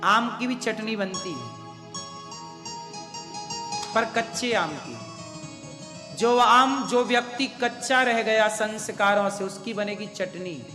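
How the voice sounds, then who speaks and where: A man's voice: high voice, lively intonation, slow pace, long pauses, pushed and bright, soft background music. A man preaching a devotional sermon, emphatic and questioning the audience. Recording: echoey hall with long reverb.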